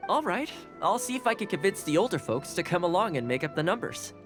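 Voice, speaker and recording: A friendly young housekeeper in a video game. He talks in an easygoing, earnest way with lively pitch. Soft music sits behind him. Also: fast talker. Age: young adult.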